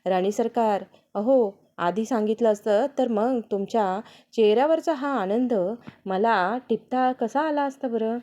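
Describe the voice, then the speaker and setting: A woman's voice: on the high side, unhurried, few pauses, dark tone, close to an everyday voice. A woman doing a teasing loving young husband. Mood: tender. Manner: teasing, affectionate.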